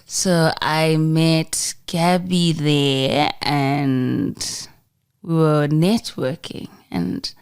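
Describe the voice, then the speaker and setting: A woman hosting a casual interview, talking slowly and chiming in often. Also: low voice, steady tone, clear, resonant tone. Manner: slow, warm-hearted, chimes in often. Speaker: host.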